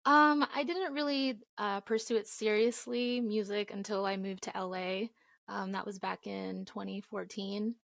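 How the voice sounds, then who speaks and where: A woman's voice: mid-range voice, steady tone, a little slow, gravelly, a bit bright, dry recording, studio quality. A young woman from the Philippines, raised in Florida, answering interview questions earnestly with frequent ums. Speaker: indie singer-songwriter guest.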